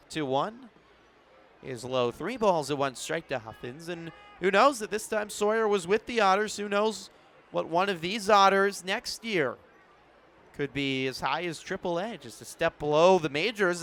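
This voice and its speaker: An American man calls a sports game play-by-play, staying measured between plays and building to excited calls. His voice sits high.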